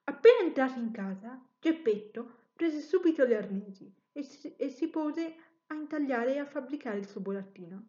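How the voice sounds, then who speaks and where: A woman reads a children's story aloud with expression, now and then correcting a slip. Her voice is fairly high. The recording is muffled and lo-fi. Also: normal speed, hardly any pauses. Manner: expressive reading with occasional self-corrections.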